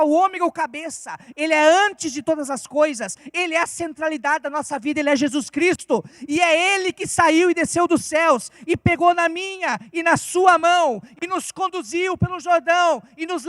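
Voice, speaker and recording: Man, Brazilian accent, fervent sermon, rhetorical questions, very high pitch, dry sound. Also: normal speed, few pauses, fairly bright tone, no echo. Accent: Brazilian Portuguese. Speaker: preacher. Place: church.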